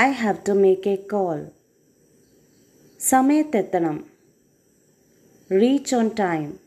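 A woman English teacher with a Malayali accent, saying short phrases slowly and clearly, each one twice. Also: mid-range voice, very animated. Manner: slow, deliberate.

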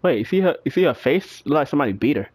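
Nervous horror gamer with swooping pitch. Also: expressive, racing, darkish tone, slightly rough, dry recording. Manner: nervous, scared horror game streamer, giggly and profane. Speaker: video game player. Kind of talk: casual horror game commentary.

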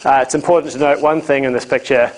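A man's voice: mid-range voice, steady tone, fast, poor audio. A man with a thick New Zealand accent giving an informal, dryly humorous illustrated lecture. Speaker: guest lecturer, ecology professor. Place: lecture room, speaking to a small audience.

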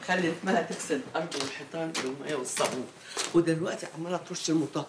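A woman's voice: low voice, rapid-fire, noisy background. An older woman with an Egyptian accent, playing a mother in a TV drama with a soothing, motherly manner. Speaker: mother and grandmother. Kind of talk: TV drama acting.

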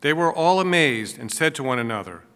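Guy reading the gospel at mass, bright ringing voice, big cathedral echo all around. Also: mid-range voice, very animated, clean tone. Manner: measured, proclaiming delivery. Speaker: Gospel reader at a school Mass. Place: large church. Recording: long church reverb.

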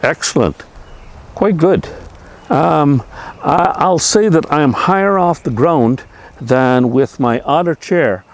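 Outdoors by a lake, an older gear reviewer talks casually about a camping chair into a lapel mic, rambling and relaxed with plenty of fillers. His voice is on the high side and he takes it slowly.

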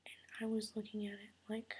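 A woman's voice: medium pitch, monotone, fairly quick, a little mellow, breathy edge. A tired young woman whispering a late-night vlog at home so as not to wake her mother. She rambles with many fillers and wears a retainer. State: tired and upset. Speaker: vlogger.

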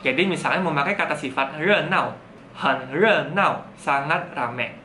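A man teaching a grammar lesson, saying model words slowly and repeating them for learners. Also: a little high, bright, forceful tone, echoey room, a little hiss or hum. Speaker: Mandarin teacher.

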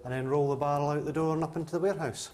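With music in the background, a distillery owner in his thirties races through a tour of his still house and cask warehouse, speaking very fast in a fairly even, higher-pitched voice. He explains things plainly and matter-of-factly, saying "uh" a lot.

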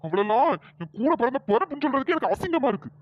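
A voice actor voicing a stern middle-aged cartoon father who reproaches his family, with a pitch-shifted voice. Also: big pitch swings, fast talker, noisy background. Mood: bitter. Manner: reproachful, lecturing. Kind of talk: cartoon storytelling dialogue. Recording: dry, dull lo-fi sound.

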